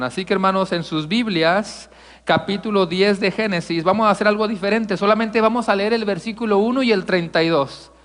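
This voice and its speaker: A man's voice: high-pitched, fairly bright tone, in a large hall. A man from Mexico preaching a conversational sermon as pastor, addressing the congregation as brothers. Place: church sanctuary.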